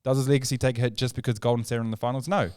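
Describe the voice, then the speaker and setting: A man's voice: medium pitch, fairly even intonation, racing, a little mellow, clear, resonant tone. A man co-hosting a casual sports podcast, opinionated and emphatic, pushing his points hard. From New Zealand. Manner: opinionated, emphatic, argues points with rising energy. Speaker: podcast co-host.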